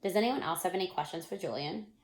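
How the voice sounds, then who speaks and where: A woman voicing a cheerful female homeroom teacher, bright and coaxing. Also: fairly low pitch, animated, fast talker. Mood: upbeat.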